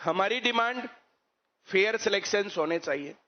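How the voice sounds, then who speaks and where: Man, high voice, lecturing teacher, rhetorical questions, muffled lo-fi sound. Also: animated, normal speed. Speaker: coaching teacher. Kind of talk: speech to students. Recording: muffled lo-fi recording.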